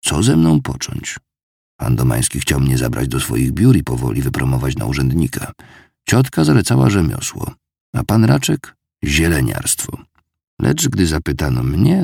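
A man reading an audiobook as narrator in a measured storytelling manner. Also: very deep voice, wildly swooping pitch, vocal fry, a little mellow, husky, no room sound, clean studio sound. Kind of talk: scripted narration.

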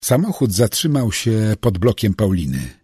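Husky male audiobook narrator. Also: on the low side, very animated, warm tone, no echo, studio quality. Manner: measured storytelling, voicing every character. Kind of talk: scripted narration.

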